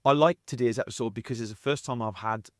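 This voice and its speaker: A man with a Sunderland accent softened towards posh, hosting a podcast in a casual interviewing style. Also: medium pitch, fast, no room sound, studio quality. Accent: Sunderland (Mackem), softened and posh. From North East England. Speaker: podcast host.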